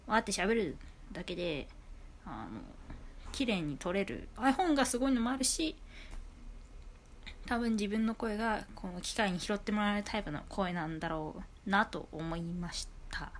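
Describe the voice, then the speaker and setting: A woman hosting a casual solo podcast, chatty and rambling with many asides, her high, clear voice carrying well, recorded on a phone set on a low table at home. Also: animated, moderate pace, a little hiss or hum. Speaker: podcast host. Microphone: iPhone on a low table.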